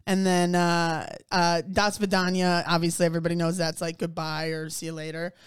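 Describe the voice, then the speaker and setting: A woman's voice: lowish voice, fairly quick, clean tone, no echo. Dry-voiced woman telling a wild story. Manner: animated storyteller, swears freely, many fillers. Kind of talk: casual chat.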